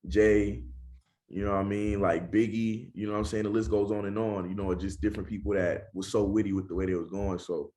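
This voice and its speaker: A man's voice: fairly low pitch, little pitch movement, fairly quick, a little mellow. A young man from Charlotte, North Carolina, with a Southern accent, a rapper talking casually in an interview and often saying "you know what I'm saying".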